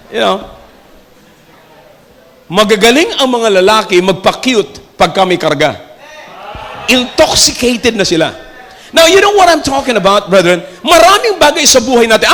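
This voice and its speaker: A Filipino man preaching a sermon in a church, mixing English and Tagalog, joking and shouting key lines for emphasis. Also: very high-pitched, big-room sound. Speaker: pastor.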